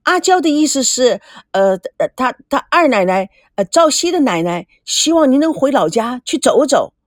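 A woman's voice: mid-range voice, big pitch swings, slightly rough, no echo, studio quality. A woman reading aloud and voicing a playful, cheerful young woman with a teasing way of talking. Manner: teasing, bright, quick.

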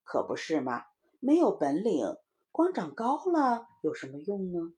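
A woman voicing a patient mother in a storybook who scolds her child gently and calmly. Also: lowish voice, unhurried. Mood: scolding.

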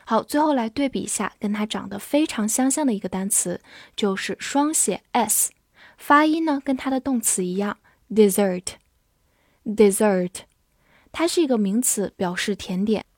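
A woman teaching English vocabulary, spelling words letter by letter and reading example sentences slowly. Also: fairly high pitch, expressive, dry recording, studio quality. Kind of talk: vocabulary lesson.

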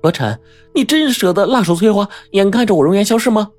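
A man voicing a sharp-tongued, quick-tempered young woman in an audiobook, scolding and switching suddenly from sweet to fierce. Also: medium pitch, animated, breathy edge, no echo, soft background music, pitched above the performer's own voice. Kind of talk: audiobook character voice.

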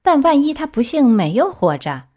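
A woman's voice: sits high, very animated, normal speed, mellow, voice pushed up. A woman voicing a formal, contrary owl doctor in a storybook. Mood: pompous. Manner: formal, pompous.

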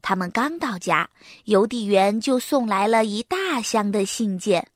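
A woman narrating a children's storybook in an expressive, storytelling way. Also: mid-range voice, a little slow, no room sound, clean studio sound.

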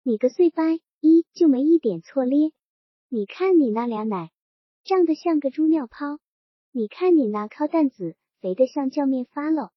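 A woman's voice: fairly high pitch, expressive, moderate pace, slightly rough, no room sound. A woman voicing a domineering, toothless old grandmother who talks in a coarse, blunt, scolding way. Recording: dull lo-fi recording.

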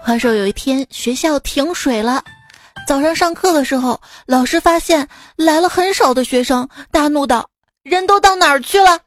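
A woman's voice: high-pitched, normal speed, soft background music. A woman hosting a comedy radio show, reading jokes in a playful, teasing way and acting out the characters' lines. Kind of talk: comic joke reading.

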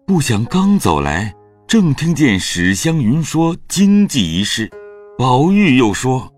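A man narrating a classic novel as an audio drama, in a slow, expressive, dramatic reading. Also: medium pitch, faint music behind.

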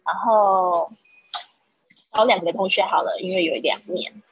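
A woman's voice: on the low side, unhurried, breathy edge, no echo, highs cut off. A woman teaching an online English vocabulary class, reading each word twice and explaining the sounds patiently.

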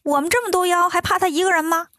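A woman's voice: extremely high pitch, fast talker, fairly bright tone, no room sound, clean studio sound, voice pushed up. A woman voicing a crowd of brash little male demon minions in a children's story.

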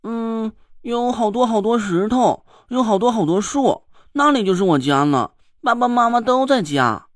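A man voicing a little boy spirit living in a clay doll, with a babyish, lisping voice and an excitable, cheerful way of talking. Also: extremely high pitch, normal speed, hardly any pauses, dry recording, clean studio sound, voice pushed up. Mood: dreamy.

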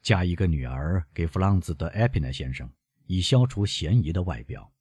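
A man voicing a cold, calculating middle-aged magistrate who speaks in a measured way. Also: low voice, expressive, darkish tone, husky, no echo, clean studio sound.

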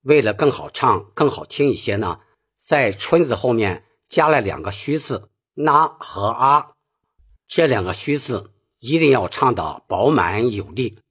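Male opera teacher, patient and explanatory, husky, lively pitch. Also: normal speed. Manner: patient, explains then demonstrates phrases. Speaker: Peking opera singing teacher. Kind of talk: spoken singing lesson.

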